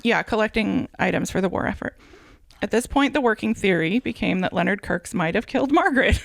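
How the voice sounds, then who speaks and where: A woman's voice: mid-range voice, animated, brisk, vocal fry, no room sound. A woman hosting a podcast, telling a true-crime case in casual chat and laughing often as she reads out old quotes.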